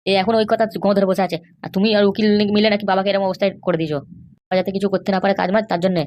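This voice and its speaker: Brief: a woman playing an angry cartoon husband, rapid-fire threats, mid-pitched. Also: fairly even intonation, slight background noise, close to an everyday voice. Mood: resentful. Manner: angry, threatening, shouting insults. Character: hot-tempered threatening young husband, Kittu. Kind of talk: cartoon voice acting.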